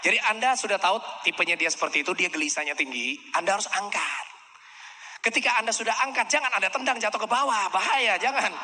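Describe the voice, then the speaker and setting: A man's voice: high voice, quick pace, bright, forceful tone, long reverb tail, slight background noise. A man giving a sales training seminar, acting out customer dialogues and often asking the audience to agree. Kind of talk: seminar lecture.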